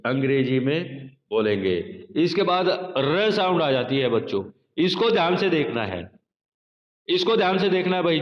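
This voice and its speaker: A man teaching a phonetics lesson to a class, speaking slowly and repeating sample words for his students. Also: a little high. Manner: slow, repetitive, addresses students as children. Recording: echoey lo-fi room recording.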